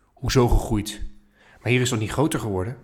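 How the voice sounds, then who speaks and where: A man's voice: mid-range voice, fairly quick, natural voice. A round blue alien mascot in a read-aloud children's story, voiced by a male narrator. He is friendly and curious, cheerfully encouraging his young friend to keep trying. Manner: helpful, encouraging.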